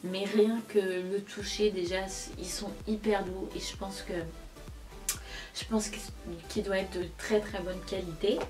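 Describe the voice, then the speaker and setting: Young woman gushing over makeup, says things twice for emphasis, mid voice, soft music in the back. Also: mid-range voice, little pitch movement, a little slow. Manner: enthusiastic, repeats words for emphasis. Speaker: beauty vlogger. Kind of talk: casual product review.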